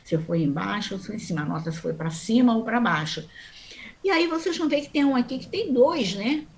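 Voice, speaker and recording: A woman's voice: fairly high pitch, expressive. A woman teaching a Sanskrit class online, explaining step by step and often checking in with her students. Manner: chants mantra syllables slowly.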